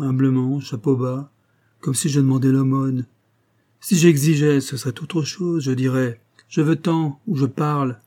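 A man's voice: medium pitch, mellow, natural voice. A man voicing an old male blackmailer who whines with false humility and sly mockery, in a read-aloud novel. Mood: whining. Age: older. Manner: wheedling, falsely humble, mocking.

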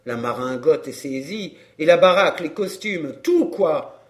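A man's voice: fairly high pitch, expressive, a little slow. A man voicing a bitter, tearful fairground clown. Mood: lamenting. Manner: coarse popular slang, grumbling. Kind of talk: audiobook character reading.

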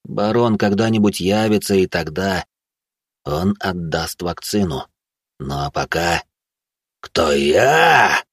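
A man's voice: deep voice, lively intonation, a bit bright, husky, no room sound, clean studio sound, exaggerated voice. A man doing a growling hulking monster. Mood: roaring. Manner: slow, growling menace. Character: huge hunched monstrous man, menacing and growling.

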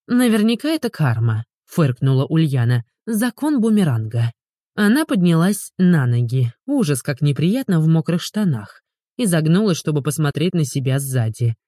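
A woman reads an audiobook with lively, animated inflection and a mellow, warm timbre. The recording is close and dry, with no room sound. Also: deep voice, no echo. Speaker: audiobook narrator. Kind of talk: audiobook narration.

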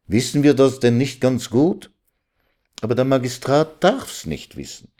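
A man reading aloud, voicing a know-it-all village lawyer who lectures slowly and condescendingly. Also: mid-range voice, animated, a little mellow, pitched above the performer's own voice, lightly acted. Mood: chiding. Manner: lecturing, drawn-out.

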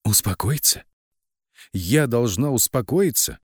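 A man's voice: low-pitched, animated, slow, breathy edge, dry recording, studio quality, full character voice. A man voicing a frightened young woman who pleads in panic and tears. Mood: panicked.

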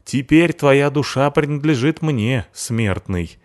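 A spiteful young woman with a hissing, menacing edge, as a male audiobook reader puts her on. Her voice sits well above his own, slow and mocking. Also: mid-range voice, animated, pitched above the performer's own voice.

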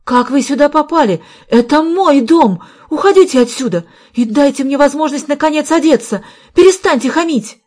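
A woman playing a young woman shouting in outrage. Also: high-pitched, lively intonation, normal speed, few pauses, pitched above the performer's own voice. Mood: indignant shouting. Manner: breaking into shouts. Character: young woman, frightened and indignant.

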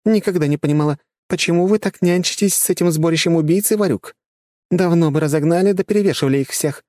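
A man's voice: on the high side, quick pace, a little mellow, no room sound, clean studio sound, voice pushed up, close to an everyday voice. A man voicing a haughty young noblewoman in an audiobook, speaking lazily and with disdain. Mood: bored. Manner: lazy, bored and disdainful. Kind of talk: audiobook character voice.

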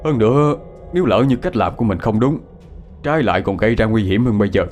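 Figure: middle-aged village uncle, stern. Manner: earnest reasoning and sharp scolding, lively pitch. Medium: audio ghost story, as a man puts him on. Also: fast, faint music behind, natural voice. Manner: reasoning, then scolding a mob.

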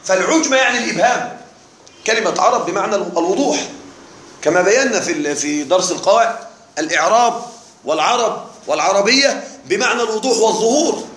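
A man's voice: sits high, animated, fast, fairly bright tone, reverberant, slight background noise. A man teaching an Arabic grammar lesson to a live class, explaining patiently, repeating key words and checking that the students are following.

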